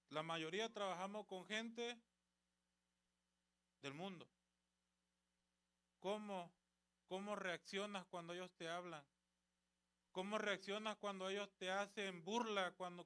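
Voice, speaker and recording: A man's voice: sits high, fairly even intonation, a little slow, pauses often, bright, forceful tone, clear, resonant tone. A man preaching at a church youth service, exhorting with rhetorical questions and retelling conversations. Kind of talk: sermon.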